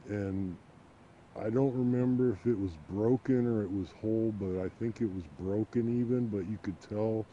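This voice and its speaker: A man with an electronically disguised, lowered voice, giving halting interview answers as an anonymous witness. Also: fairly even intonation, warm tone, highs cut off, a little hiss or hum. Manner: hesitant, halting with fillers. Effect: voice electronically disguised, lowered and darkened.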